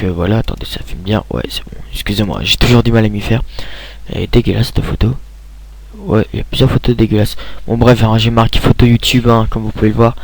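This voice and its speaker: A man's voice: on the low side, gravelly, darkish tone. A young man giving a casual screen tutorial, rambling with many hesitations and restarts, talking into a computer mic at home.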